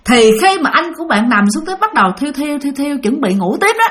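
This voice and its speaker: A woman's voice: sits high, very animated, fast talker. A woman narrating a ghost story in a casual, chatty way, speaking directly to her listeners.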